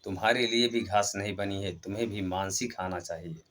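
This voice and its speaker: A man's voice: fairly low pitch, fairly even intonation, brisk, a bit bright, slight background noise, close to an everyday voice. Man doing a proud lion king of the jungle, firm, insistent, storybook figure. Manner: firm, insistent, repeats his words.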